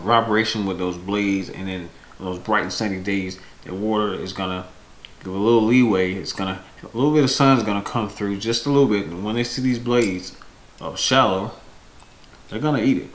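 This is a man in his thirties with a lowish, fairly bright voice, recorded on a noisy home camera in an echoey room with windows. He chats casually and without a script, giving fishing-vlog product tips to camera and correcting himself mid-stream.

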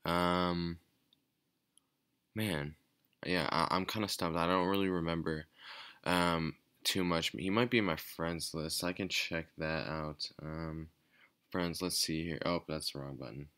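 Quiet, deep-voiced man commenting on a game. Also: fairly even intonation, measured pace, smooth. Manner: quiet, low-energy; hesitant, rambling. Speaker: gaming channel host. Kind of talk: casual off-the-cuff game commentary. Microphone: speaking away from the mic at times.

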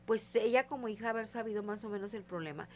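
Speaking quickly at a medium pitch, this older psychic guest recounts stories in a relaxed interview, bringing them to life by performing the quoted dialogue. A slight hiss or hum sits under the recording.

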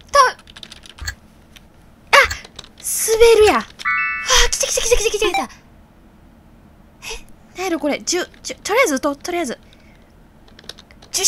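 A high-pitched woman with a Kansai accent who streams games and reads quiz questions aloud in a casual, excitable way. She mutters her guesses and then shouts out her answers. Keyboard clicks come through clearly in the background of her desk mic. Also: slight background noise. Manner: excitable, thinks aloud, bursts into loud reactions. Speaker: game streamer. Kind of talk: casual live quiz commentary.

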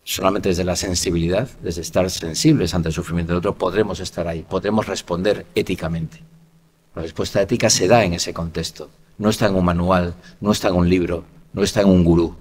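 A man's voice: low-pitched, a little mellow, breathy edge. A man from giving a reflective conference talk, often ending phrases with a questioning tag. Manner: reflective, many rhetorical "¿no?" tags. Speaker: lecturer. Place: conference hall. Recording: lecture hall with long reverb.

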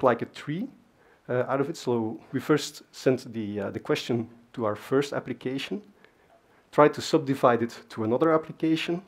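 A Dutch man with a mid-range voice and a darkish tone gives a casual technical talk from a large, dark conference stage. He speaks conversationally, throwing in plenty of fillers and asides.

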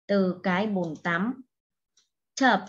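A woman teaching an English lesson to young children, speaking slowly and patiently and repeating each word for the class to echo. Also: medium pitch, breathy edge, lo-fi sound. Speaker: primary school English teacher.

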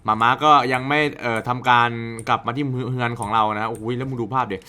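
A man's voice: medium pitch, steady tone, fast, sharp tone. A young man casually commenting on a horror game, swearing a lot and shrieking and laughing at the scares. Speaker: gaming YouTuber. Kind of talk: horror let's play commentary.

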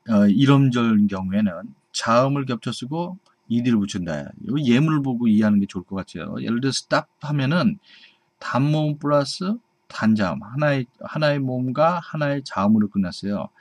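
Male teacher, mid-pitched, steady lecture voice, dry sound, patient and repetitive. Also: no room sound. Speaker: English grammar teacher. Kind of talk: explanatory classroom lecture. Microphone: camera mic at a desk.

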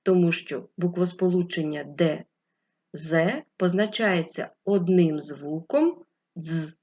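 A woman teacher giving a slow, clear, patient literacy lesson to young children. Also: on the low side, lively intonation, a little mellow, lo-fi sound. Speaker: first-grade teacher. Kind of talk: distance-learning literacy lesson.

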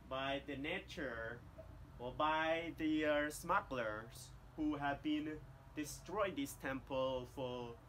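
This thirty-something Cambodian guide, whose first language is Khmer, talks the camera through a temple in careful non-native English. His voice is mid-range and a bit bright, with a little hiss or hum in the recording, made outdoors in jungle temple ruins.

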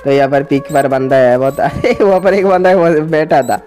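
A man, a gaming YouTuber, giving excited, crude-slang commentary as he cheers on his teammates during a match. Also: a little high, normal speed, faint music behind. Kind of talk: excited live gameplay commentary.

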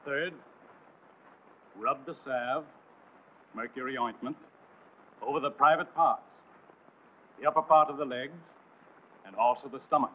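Narrating a 1940s military training film, this man has a medium-pitched voice and takes his time, pausing often. His scripted reading is formal, authoritative, instructive and emphatic, and the audio is the noisy, tinny sound of a 1940s film.

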